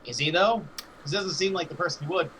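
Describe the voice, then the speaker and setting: A man's voice: a little high, fast talker, fairly bright tone, slight background noise, low-quality recording. A man playing a tabletop game, pressing the game master with insistent questions. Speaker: player.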